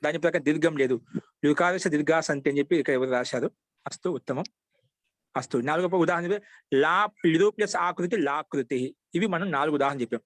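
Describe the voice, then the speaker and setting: A man's voice: fairly high pitch, brisk, dry recording. A man teaching a Sanskrit grammar class, patiently repeating each example and checking that students follow. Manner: asks students for confirmation often. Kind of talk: online class lecture.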